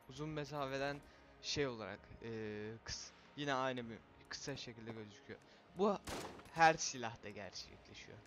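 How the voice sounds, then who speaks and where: Excitable man commentating gameplay. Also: medium pitch. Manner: excitable, swears and shouts when frustrated. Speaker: gaming video host.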